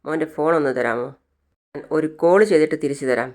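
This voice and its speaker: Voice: medium pitch, fast talker, a little mellow, close to an everyday voice. A narrator voicing a polite middle-aged woman asking a stranger for help. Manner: polite, requesting.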